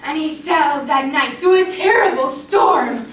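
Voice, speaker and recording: A woman narrates a rhymed children's story in a theatrical, sing-song way for a competition. Her voice sits very high and she takes her time over each line. The recording catches her from across a strongly echoing room, with faint noise behind. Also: expressive, a little slow, a bit bright. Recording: echoey room, mic far off, faint noise.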